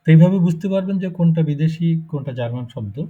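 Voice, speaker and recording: A man with a Bangladeshi Bengali accent races through a live German pronunciation lesson with lively intonation and a fairly high voice, still explaining step by step and checking in with students. The sound quality is muffled and lo-fi.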